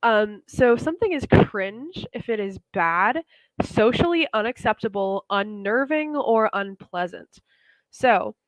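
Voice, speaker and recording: A woman's voice: a little high, dry recording, low-quality recording. A young woman teaching slang in an online lesson, in a casual, chatty way full of fillers. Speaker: English teacher.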